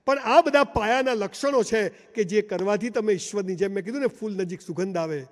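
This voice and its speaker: A man's voice: high-pitched, a little fast. A man giving a live motivational seminar speech in a large hall, telling stories emphatically and addressing the crowd directly. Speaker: motivational speaker. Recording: long hall reverb.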